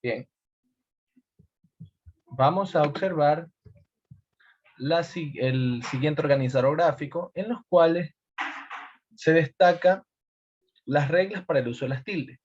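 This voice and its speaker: Man, teacher from Ecuador, recorded lesson, emphatic step-by-step explaining, slightly raised pitch, dull lo-fi sound. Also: a little mellow, slight background noise. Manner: slow, emphatic teacher explaining step by step, repeating key points.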